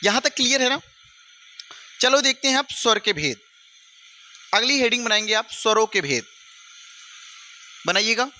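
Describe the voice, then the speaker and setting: A young man teaching an exam-prep Hindi lesson, repeating phrases slowly for students to write down and calling them brother. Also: very high voice, lively intonation, pushed and bright, a little hiss or hum.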